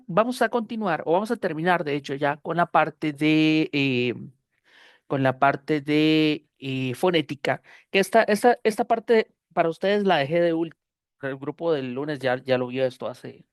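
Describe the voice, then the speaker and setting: A man's voice: a little high, no echo, studio quality. A Spanish-speaking man with a Costa Rican accent, teaching an online English pronunciation class, explaining patiently and often repeating phrases with fillers. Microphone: computer mic on a video call.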